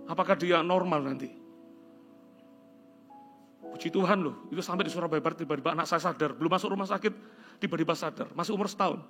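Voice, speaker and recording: A middle-aged pastor from Indonesia preaches with an earnest storytelling voice, pitched a little high for a man. He sinks into soft, prayerful tones. Guitar music plays clearly behind him. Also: fast, long pauses. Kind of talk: sermon.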